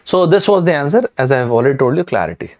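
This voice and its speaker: Energetic Indian English tutor, man. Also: medium pitch, quick pace. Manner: energetic, repeats words, asks viewers to type answers. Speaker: online exam tutor. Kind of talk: live online vocabulary lesson.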